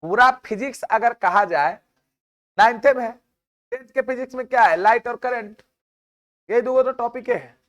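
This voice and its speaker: In a math class lecture with side talk, a man with a noticeably high, slightly bright voice and a Bihari Hindi accent chats with his students, scolds them, and keeps asking rhetorical questions. He speaks at a moderate pace with long pauses.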